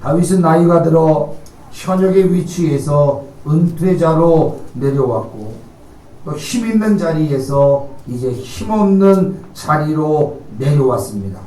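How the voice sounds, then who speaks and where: A male pastor preaching a sermon in earnest, rising to emphatic high peaks. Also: expressive, slow, mellow, echoey room, far from the mic, rough recording. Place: church sanctuary.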